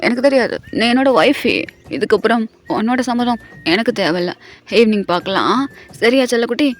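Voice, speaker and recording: A woman voicing a cocky, possessive young man who speaks low and firm in a storybook reading. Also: animated, fairly quick, natural voice. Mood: teasing.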